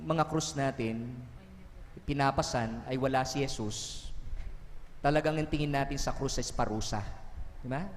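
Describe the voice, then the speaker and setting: Priest preaching in a reverberant church. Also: male voice, on the high side, darkish tone, a little hiss or hum. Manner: mixes Tagalog, Kapampangan and English, slows for emphasis. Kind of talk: sermon. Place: parish church.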